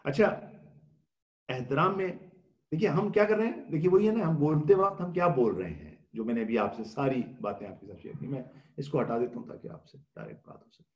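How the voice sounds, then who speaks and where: A religious scholar gives a Ramadan talk in a medium-pitched voice with lively intonation, recorded in a roomy, muffled way. He explains things patiently, poses rhetorical questions and answers them himself, and mixes English words into his speech.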